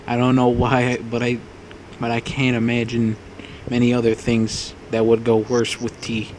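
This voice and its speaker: A man's voice: mid-range voice, completely flat delivery, normal speed, a little mellow, slight background noise. A man hosting a let's play, reading visual novel text aloud and trading crude jokes with a friend. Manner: crude, joking, laughs often. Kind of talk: casual gaming banter. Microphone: wireless mic.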